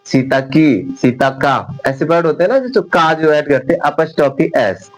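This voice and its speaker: A man's voice: on the high side, unhurried, soft background music, rough recording. Hindi-speaking man teaching English grammar. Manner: repeats words patiently, corrects mistakes firmly. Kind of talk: classroom-style grammar lesson.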